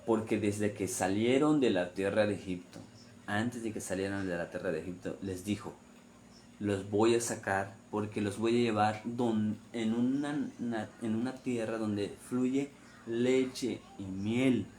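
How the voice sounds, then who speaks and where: Low-voiced man preaching emphatically. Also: measured pace, darkish tone, a little hiss or hum. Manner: repetitive, emphatic preaching with rhetorical questions. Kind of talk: sermon on the weekly Torah portion.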